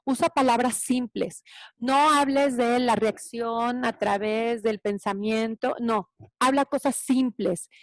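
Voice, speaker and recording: A woman teacher gives an animated parenting talk, acting out children's voices. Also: fairly high pitch, slow, no echo.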